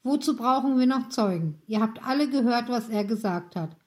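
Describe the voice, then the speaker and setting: A woman reading the part of a stern, demanding male high priest in a storybook. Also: expressive, normal speed, close to an everyday voice. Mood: outraged.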